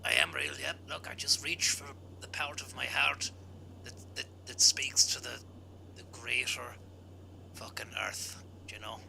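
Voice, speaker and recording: Host doing a growly, boastful crooner, low and mumbling, harsh bright grit, faint hum behind. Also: male voice, a little slow, vocal fry, full character voice. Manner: low, mumbling, half-whispered bravado with swearing. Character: gruff male lounge singer, mock-proud and boastful.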